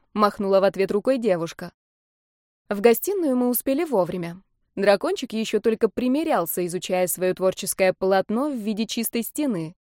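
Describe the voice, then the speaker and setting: A woman narrating a first-person fantasy audiobook, lively and acting out the dialogue. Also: mid-range voice, dry recording, clean studio sound.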